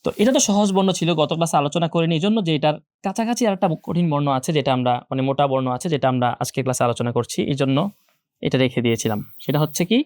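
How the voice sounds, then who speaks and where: A young male Quran teacher in an online lesson, his voice sitting a little high for a man. He slowly and patiently repeats each letter sound so the students can follow. The recording is dry and close, with no room sound. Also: darkish tone, no room sound. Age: young adult. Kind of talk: online class lecture.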